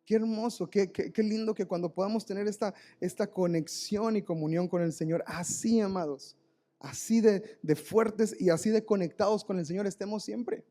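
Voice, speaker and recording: A man's voice: high-pitched, normal speed, warm tone. A man preaching a live church sermon, telling a story with emotion and often repeating words. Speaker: pastor. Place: church service, recorded live.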